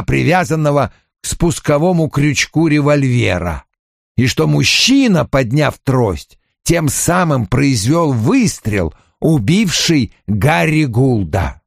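Man reading haughty detective, lecturing, slow and gravelly, dry close sound. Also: medium pitch, dry recording, heavily acted. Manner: measured, lecturing. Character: older male detective, haughty and deliberate. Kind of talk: audiobook reading.

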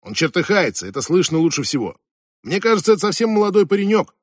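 Man reading a matter-of-fact police officer, husky, dry close sound. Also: high-pitched, big pitch swings, quick pace, no echo. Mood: reporting. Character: police officer relaying a phone call.

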